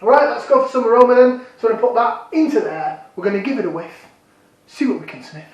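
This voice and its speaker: A man's voice: very high voice, expressive, fast talker, far from the mic, dull audio. Chatty man in an echoey room. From Yorkshire, England. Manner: chatty, jokey, self-deprecating. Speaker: beer reviewer. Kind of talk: casual vlog review.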